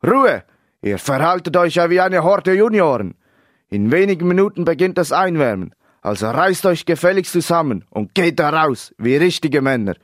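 Gruff, stern football coach, read by a man, loud barking orders, dry sound. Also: on the high side, sing-song, normal speed, dry recording, pitched above the performer's own voice.

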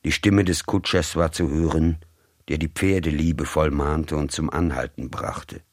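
Very deep, slow male storyteller. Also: fairly even intonation, no room sound, clean studio sound. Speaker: audiobook narrator. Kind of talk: scripted narration.

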